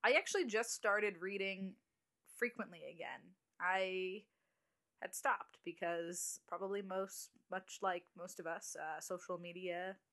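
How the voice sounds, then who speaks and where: A woman's voice: on the low side, a bit bright. A woman in her late twenties, a guest on a podcast, chatting casually and restarting her sentences often. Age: 20s. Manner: chatty, halting with restarts and little laughs. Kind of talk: casual chat.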